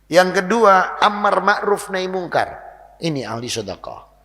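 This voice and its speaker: A man preaching a lively, joking sermon in a mosque, often addressing his listeners directly. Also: high-pitched, measured pace. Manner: lively, jokey, animated, addresses audience as Pak. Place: mosque hall. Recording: long hall reverb.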